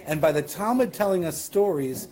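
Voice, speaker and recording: A man's voice: on the high side, lively intonation, moderate pace, darkish tone. A man with a Western New York accent teaching a Talmud class as rabbi, explaining in a conversational way with questions and asides. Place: synagogue classroom.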